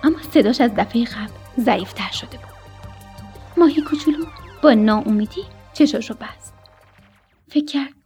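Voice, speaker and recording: A woman's voice: fairly high pitch, lively intonation, long pauses. A woman narrating a children's story expressively, sometimes sinking to a whisper at tense moments. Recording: soft music behind the voice.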